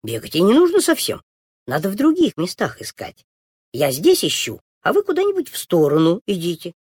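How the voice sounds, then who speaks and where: Woman reader as patient mother, gentle explaining, dry close sound. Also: on the low side, wildly swooping pitch, moderate pace, slightly rough, no room sound, heavily acted. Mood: reasoning. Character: patient calm mother picking mushrooms. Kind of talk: storybook reading.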